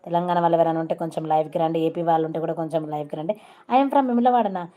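A woman's voice: fairly low pitch, rapid-fire, phone-quality sound. A woman from Telangana with a Telangana Telugu accent, hosting a casual live stream, chatting and greeting viewers by name with English phrases mixed in. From Telangana, India.

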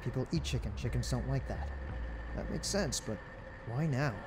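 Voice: mid-range voice, normal speed, background noise, lightly acted. An actor playing an earnest, exasperated young detective partner in a comedic short film. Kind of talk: comedic student film acting.

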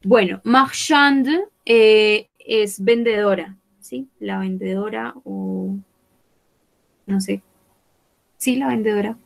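Slow, careful French teacher woman. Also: medium pitch, vocal fry. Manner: slow, careful, repeating words for students. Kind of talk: bilingual online class, French and Spanish.

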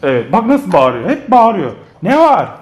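A man's voice: sits high, huge pitch swings, normal speed, over a noisy crowd. A man talking to viewers in a casual family vlog, playful and often laughing. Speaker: family vlogger.

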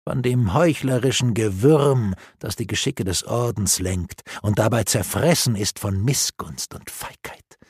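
A man's voice: fairly low pitch, measured pace, darkish tone, slightly rough, no room sound, clean studio sound. A man reading a scornful elf sorceress. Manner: mocking, coaxing, insinuating. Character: cunning elf sorceress mistress, scornful, seductive. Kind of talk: audiobook reading.

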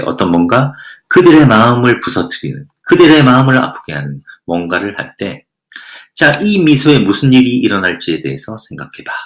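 A man teaching a textbook lesson, reading English lines slowly and then explaining them at length, often asking questions and answering them himself. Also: fairly low pitch, fairly bright tone, echoey room. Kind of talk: lecture reading and translating a textbook passage.

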